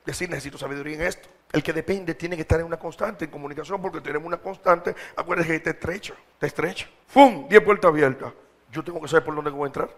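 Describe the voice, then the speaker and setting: A man's voice: fairly high pitch, quick pace. A man preaching a sermon, exhorting his congregation in a direct, colloquial way.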